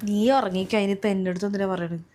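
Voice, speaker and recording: A woman's voice: mid-range voice, level tone, a little mellow, slight background noise, close to an everyday voice. A woman playing an exhausted, overworked sister-in-law who complains and rants in a comedy sketch. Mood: weary. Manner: complaining, rapid, exasperated. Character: overworked elder sister-in-law, weary and fed up.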